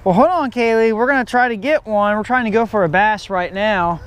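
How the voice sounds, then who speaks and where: A man's voice: high-pitched, a little fast, background noise. A middle-aged man filming a casual fishing vlog outdoors by a creek on a head-mounted camera, coaching a child as he goes. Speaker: fishing vlogger. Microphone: head-mounted action camera.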